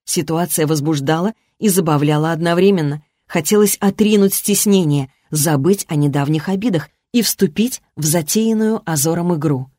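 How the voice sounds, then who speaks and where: A woman narrating a first-person romance novel in a measured, expressive reading. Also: low-pitched, no room sound, studio quality. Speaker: audiobook narrator.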